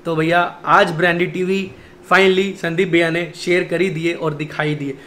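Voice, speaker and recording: High-voiced young Delhi man vlogging. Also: flat delivery, moderate pace, pushed and bright, a little hiss or hum. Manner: chatty, friendly, calls the other man brother. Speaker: vlogger host. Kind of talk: casual vlog chat. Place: small indoor shop office. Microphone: phone camera held at arm's length.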